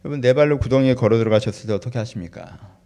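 A man preaching a sermon, asking the congregation questions and swinging from loud fervent peaks to quiet, soft passages. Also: medium pitch, racing. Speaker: pastor.

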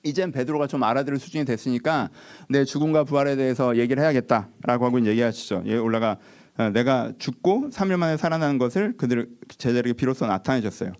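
A man preaching a sermon as a pastor, telling the story in a lively, animated way and acting out the dialogue between figures. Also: mid-range voice, fast.

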